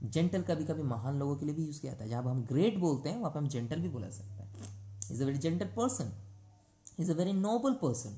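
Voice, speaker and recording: A man's voice: a little high, animated, moderate pace, mellow, echoey room, highs cut off. A male teacher giving a classroom lesson on vocabulary, patiently repeating words and spelling them letter by letter, switching between Hindi and English.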